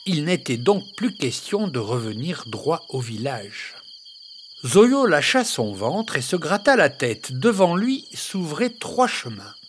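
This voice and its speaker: A man narrating a children's tale in an expressive storytelling manner. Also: on the high side, takes it slowly, slight background noise.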